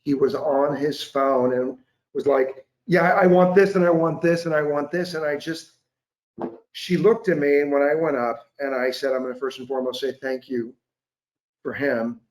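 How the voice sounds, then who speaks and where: A man in his forties talking on a video call from home, telling a story with impassioned, animated energy. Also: mid-range voice, moderate pace. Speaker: guest. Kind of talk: casual interview chat. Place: home room with large windows. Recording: echoey room.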